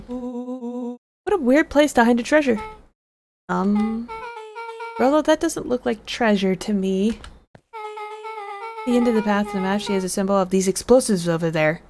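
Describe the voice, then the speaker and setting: A woman's voice: fairly high pitch, measured pace, long pauses. Playful woman reading game dialogue. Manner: playful, joking, reads dialogue with asides. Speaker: game streamer voicing characters. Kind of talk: casual playthrough reading of dialogue. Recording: with faint game music behind. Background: faint game music.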